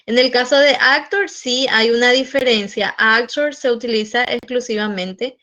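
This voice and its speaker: A woman teaching an online lesson, explaining slowly step by step and often checking in with the class. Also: a little high, sharp tone, muffled recording. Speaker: English teacher.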